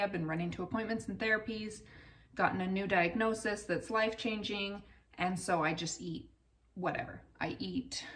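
Slow-talking woman in a home kitchen. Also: on the low side, a bit bright, far from the mic. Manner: candid, conversational, self-deprecating. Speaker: vlogger, mother. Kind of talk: casual chat to camera. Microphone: camera a little way off.

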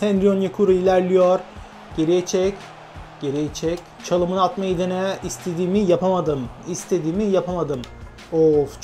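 A young man from Turkey giving lively, self-talking commentary while playing a football video game, urging on his players. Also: sits high. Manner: animated, talks to himself and his players, frequent laughs. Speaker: gaming YouTuber. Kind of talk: excited gameplay commentary.

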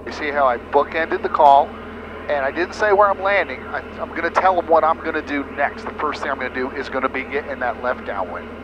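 A middle-aged American male flight instructor with a higher voice speaks fairly quickly, giving hands-on, step-by-step explanations in a small airplane cockpit in flight. Heard through an aviation headset, the lo-fi audio is full of engine and cockpit noise.

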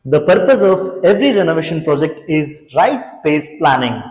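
A young man with a notably high voice explains renovation plans room by room in a steady, scripted manner. His lapel mic catches the long echo of empty, uncarpeted rooms. Clear background music runs under his talk. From India. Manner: measured, explanatory, pointing out features. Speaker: renovation company founder presenting a walkthrough. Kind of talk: scripted walkthrough presentation. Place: large empty apartment rooms, indoors.

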